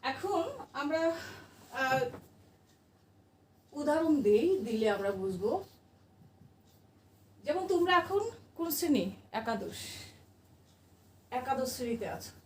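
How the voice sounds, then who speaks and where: High-voiced woman teaching in an echoey room. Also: very animated, slow pace, pauses often, far from the mic, slight background noise. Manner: patient, asks the class questions and answers them herself. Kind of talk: classroom grammar lesson.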